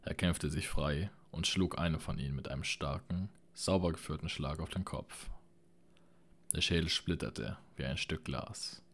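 Man with a very deep narrating voice. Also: moderate pace, fairly bright tone. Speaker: audiobook narrator. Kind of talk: scripted audiobook narration.

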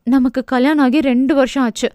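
An eager young wife in her late twenties, hopeful and pleading, as a woman reader puts her on. Her voice is high and bright, and the sound is dry and close to the mic. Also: steady tone, normal speed, dry recording, close to an everyday voice. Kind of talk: audio novel character voice.

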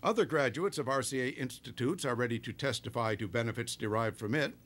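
A man narrating a documentary in a measured, formal scripted read. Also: medium pitch, fairly bright tone, a little hiss or hum. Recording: narration over clear music.

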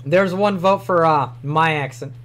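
A young man with a New York accent chats casually on a livestream from a small room, rambling along and swearing offhandedly. His voice sits on the high side with a fairly bright tone, and his pace is a little slow.

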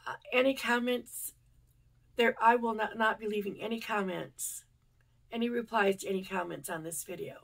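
A woman's voice: medium pitch, moderate pace, gravelly, a bit bright. A woman chatting casually on her channel, rambling with lots of fillers, stuffy and congested from a cold. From United States. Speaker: yarn channel vlogger. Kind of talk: casual chat to camera.

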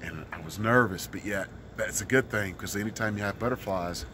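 A man's voice: lowish voice, a little fast. A middle-aged man from Mississippi, a street musician talking earnestly with many fillers in a casual outdoor interview. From Mississippi, US South. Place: outdoors in a city park by a street. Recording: outdoor street noise behind.

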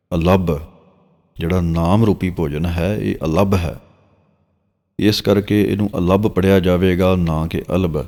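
A man with a Punjabi accent, teaching the correct pronunciation of scripture and slowly drawing out each verse he recites. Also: low voice, warm tone. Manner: slow, drawn-out recitation of verses between explanations. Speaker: Gurbani teacher. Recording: long reverb.

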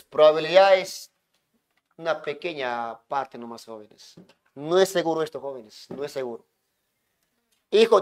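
A man lecturing a classroom as economics teacher, hushing students and repeating himself to make points stick. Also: sits high. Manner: keeps hushing and calling on students, repetitive.

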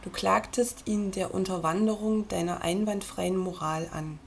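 Woman, gravelly voice, reading a book aloud, measured and earnest, addressing the listener directly. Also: medium pitch, fairly even intonation, a little hiss or hum. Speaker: reader.

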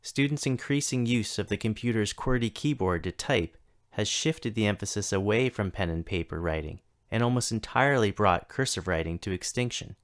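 Recorded from a home or office for a virtual conference, this keynote is read aloud by a tech coordinator in his thirties. He speaks in a somewhat low voice with measured, unhurried delivery, leaving pauses between list items.

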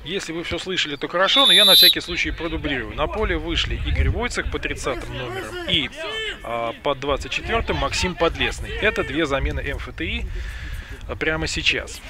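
A man's voice: on the high side, animated, fairly quick. A man giving live football commentary in a conversational, improvised, explanatory way. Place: outdoors at a football ground. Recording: outdoor crowd noise behind commentary.

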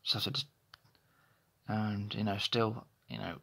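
Holding his phone near his face in a small bedroom, a man in his thirties vlogs candidly about personal matters, hesitating, rambling, and restarting a lot. He speaks unhurriedly with little pitch movement, in a fairly low voice marked by vocal fry, brightness, and a forceful tone.

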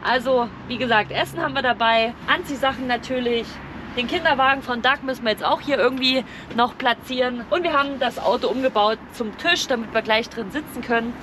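A camping vlogger narrates her trip in a chatty, informal way, explaining things as she goes. Her voice is on the high side and fairly quick, and the recording is clearly noisy with outdoor and vehicle ambience.

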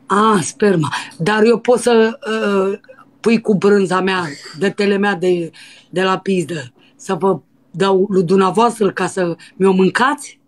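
A woman putting on a brazen, lustful young dancer in a prank phone call, pushy and breathy. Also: medium pitch, close to an everyday voice. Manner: pushy and breathy, with crude demands. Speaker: prank caller.

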